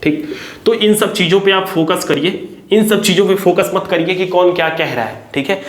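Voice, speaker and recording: Earnest teacher, echoey room. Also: male voice, high voice, moderate pace, a little hiss or hum. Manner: earnest, repeats "theek hai" often. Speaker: coaching teacher. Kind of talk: direct-to-camera talk to parents and students.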